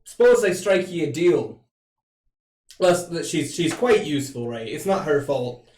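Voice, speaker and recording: Gruff old navy sea captain, played by a man, persuasive haggler for tabletop role-play, echoey sound. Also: on the high side, lively intonation, measured pace, a little mellow, a little hiss or hum. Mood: haggling, persuasive. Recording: roomy echo.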